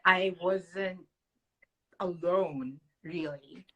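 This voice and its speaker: A woman's voice: on the low side, very slow, sharp tone, husky, poor audio. A woman interviewing a guest, reflective and affirming as she responds. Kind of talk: conversational interview.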